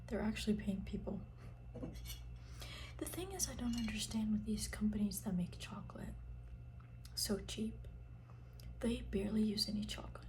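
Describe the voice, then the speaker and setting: A young woman whispers right up against the ear in a soft, dark-toned ASMR style. Her chat is informal and rambling, breathy and intimate. A light ambient noise sits behind the voice. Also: medium pitch, moderate pace, long pauses. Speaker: ASMR content creator.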